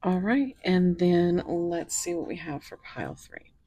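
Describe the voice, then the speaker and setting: Laying out cards for a casual tarot reading, a woman muses slowly aloud and sometimes sinks into whispers as she pulls them. Her voice is on the low side, animated, and dark with a breathy edge, and there's no echo.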